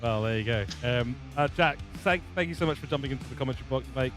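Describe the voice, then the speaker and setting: A man's voice: mid-range voice, fast, over music. Chatty New commentator man. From New Zealand. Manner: chatty, jokey, many fillers. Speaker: race commentator. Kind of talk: sim racing broadcast sign-off.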